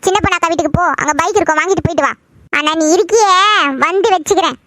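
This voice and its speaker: A woman plays a fussing, scolding mother in a cartoon. Her voice sits very high and sounds bright and sharp. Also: racing. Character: bossy mother of two teen daughters. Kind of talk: cartoon voice acting.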